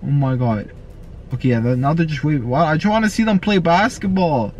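Slightly high-voiced young man vlogging casually. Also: brisk, a little mellow, dull audio, slight background noise. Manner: slangy, laid-back. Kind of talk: casual reaction vlog chat. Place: bedroom, reclining on a bed.

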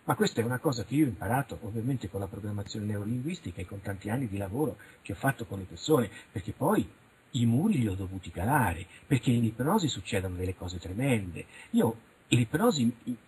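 A man's voice: fairly low pitch, expressive, fairly quick, a little mellow, slight background noise, low-quality recording. A middle-aged man from Italy, talking frankly and animatedly in a radio interview, now and then acting out little dialogues. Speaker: interviewed researcher. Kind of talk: radio interview, casual monologue.

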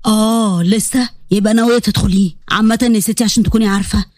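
A woman doing a calm Egyptian male lecturer. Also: medium pitch, quick pace, no echo, clean studio sound, pitched below the performer's own voice, lightly acted. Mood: teasing. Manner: calm, polite, lightly teasing. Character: calm, gentle young male university lecturer.

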